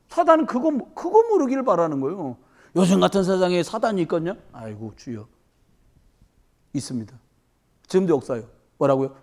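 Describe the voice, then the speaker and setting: A woman's voice: lowish voice, a little mellow. A woman pastor preaching a sermon at a church service, firing rhetorical questions at the congregation.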